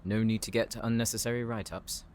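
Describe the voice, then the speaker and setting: A man playing a calm, bookish professor in an audio roleplay, speaking politely and formally. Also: on the low side, a little fast, lightly acted. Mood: courteous, helpful. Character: courteous, bookish male professor, calm and considerate. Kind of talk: scripted audio roleplay addressed to the listener.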